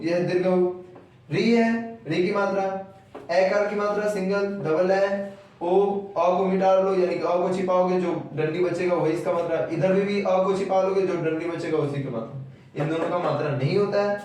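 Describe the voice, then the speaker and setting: A man teaching a grammar lesson, explaining patiently and repeating key terms, slowing down to spell out each sound. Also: high voice, a little mellow, slight background noise. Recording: very echoey room, voice from far off.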